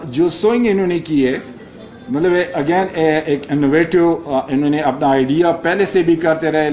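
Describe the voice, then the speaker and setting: A man's voice: on the high side, darkish tone. A man presenting a project report slide by slide, mixing English into his speech with many hesitations and frequent "sir". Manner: mixes English phrases into Urdu, many fillers, addresses listener as sir.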